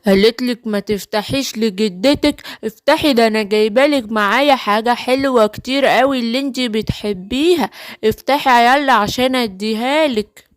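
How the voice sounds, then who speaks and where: A woman with an Egyptian accent voicing a sly, hungry male wolf in a children's cartoon, talking slowly and menacingly. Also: on the high side, no room sound, pitched below the performer's own voice, natural voice. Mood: coaxing. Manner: slow, menacing, gloating.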